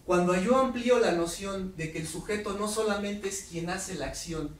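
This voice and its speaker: A man giving a lively workshop lecture to teachers, putting questions to the audience. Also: high voice, moderate pace. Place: lecture hall. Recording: roomy hall audio from far off, faint noise.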